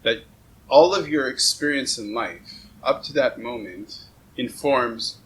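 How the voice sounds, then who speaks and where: This interviewer and show host speaks slowly in a mid-range, somewhat bright voice as he chats casually with his guest at a table aboard a houseboat, gushing with praise. The recording is rough, and background noise and ambience come through clearly.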